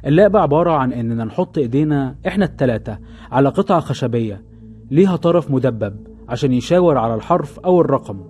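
Fast-paced Egyptian man narrating suspenseful horror. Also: medium pitch, expressive, a little mellow, slight background noise. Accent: Egyptian Arabic. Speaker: horror story podcast narrator. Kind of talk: scripted first-person horror storytelling. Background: music under the voice.

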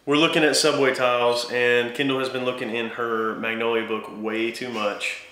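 A man's voice: mid-range voice, little pitch movement, normal speed, sharp tone, far from the mic. A man in his twenties plainly explaining renovation work while touring a house on a handheld camera. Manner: plain, matter-of-fact explaining. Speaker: vlogger. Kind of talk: casual home-renovation vlog. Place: empty rooms in a house under renovation. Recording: echoey bare rooms, faint noise.

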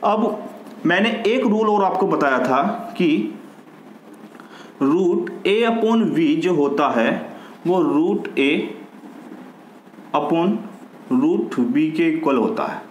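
A man's voice: fairly high pitch, lively intonation, extremely slow, pauses often. Male maths teacher, Hindi accent, patient step-by-step explainer; roomy recording with faint hiss. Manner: explains step by step, asks and answers his own questions. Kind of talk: classroom lesson. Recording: echoey room with faint noise.

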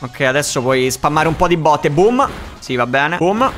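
Young man hosting a gaming channel, crude and jokey, fairly high voice, faint game music behind. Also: very animated, moderate pace, fairly bright tone. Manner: crude, joking, swearing often. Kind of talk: casual gameplay commentary.

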